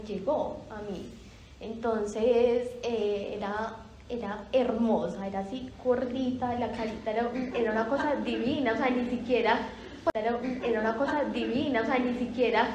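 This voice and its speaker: A woman giving an emotional personal testimony at a Bible study group. She speaks into a handheld mic, halting and repeating phrases, with many fillers. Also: fairly high pitch, a little mellow. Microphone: handheld microphone. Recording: roomy hall with faint background noise.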